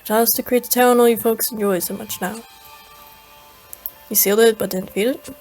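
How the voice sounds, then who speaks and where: A woman's voice: fairly high pitch, steady tone, a little fast, darkish tone, faint music behind, low-quality recording. A woman voicing a jovial old male dragon with a drawling rustic old man voice and a folksy, grandfatherly manner, in a voiced reading of a game story. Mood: storytelling.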